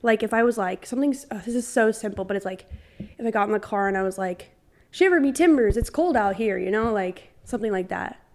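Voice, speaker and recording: A young woman in a relaxed podcast chat, talking in long, rambling runs full of "like" and little acted-out quotes. Her voice sits at an ordinary middle pitch. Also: fast talker, slight background noise. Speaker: podcast co-host. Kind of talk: casual chat.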